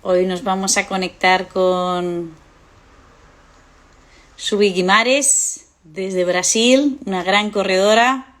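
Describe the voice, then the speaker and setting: Woman, hosting a casual live video call interview, bit halting. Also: medium pitch, fairly even intonation, a bit bright. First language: Spanish. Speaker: interview host.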